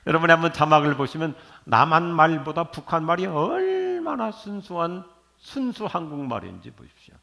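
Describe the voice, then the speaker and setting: Gravelly, animated older male preacher. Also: fairly high pitch, moderate pace. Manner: lively, jokey preaching with sudden loud outbursts. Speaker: pastor. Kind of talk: sermon. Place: church sanctuary.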